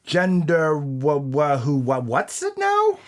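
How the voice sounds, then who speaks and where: A man's voice: on the high side, wildly swooping pitch, slow, exaggerated voice. A man playing a brash, dim hard-boiled noir detective in a comedic audio drama, with a tough-guy delivery. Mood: baffled.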